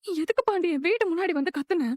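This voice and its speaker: A woman's voice: extremely high pitch, animated, racing, a little mellow, no echo, studio quality. An actress playing a hurt young woman who pleads with and reproaches her boyfriend on the phone. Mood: pleading. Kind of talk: TV serial acting.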